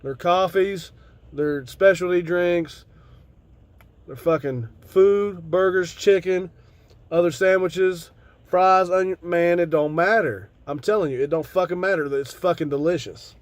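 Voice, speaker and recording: A man's voice: high-pitched, a little slow, dry recording. An American man who sounds stoned, chatting in a laid-back, rambling stoner manner to his viewers with casual swearing. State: stoned on cannabis. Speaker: video host. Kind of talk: casual rambling vlog chat.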